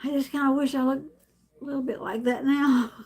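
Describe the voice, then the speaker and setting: A woman's voice: high voice, steady tone, a little fast, darkish tone. A middle-aged woman telling a story on her own live stream at home, rambling and chatty, laughing often and restarting her sentences. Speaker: vlogger hosting a live stream. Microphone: camera set up in front of her.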